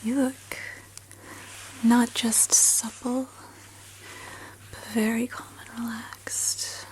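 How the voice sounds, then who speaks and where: A woman in a whispered role-play of a spa pampering session, speaking softly and soothingly, with gentle personal attention to the listener. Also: on the high side, level tone, slow, rough recording. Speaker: ASMR host.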